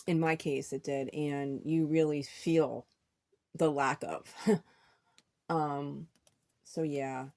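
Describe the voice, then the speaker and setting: A woman's voice: low voice, darkish tone. Woman rambling through a personal story. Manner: rambling, repeats words, acts out quoted friends. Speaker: vlogger.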